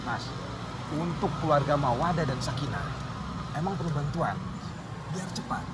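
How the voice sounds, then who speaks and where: A man's voice: fairly high pitch, expressive, normal speed, very noisy, close to an everyday voice. A man playing a smarmy bribe-seeking official. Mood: wheedling. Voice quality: oily, sly chuckles. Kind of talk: film drama.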